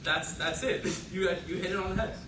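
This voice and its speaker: A man's voice: high voice, moderate pace. Young man agreeing in a noisy room. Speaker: student debater. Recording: echoey room, distant mic, loud noise.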